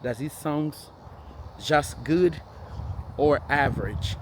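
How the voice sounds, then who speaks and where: A man's voice: a little high, takes it slowly. A man vlogging outdoors, recorded on a camera's built-in microphone with noise reduction artifacts, chatting casually to viewers. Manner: chatty, addresses the viewers directly. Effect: noise reduction artifacts from the camera's processing. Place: outdoors, windy.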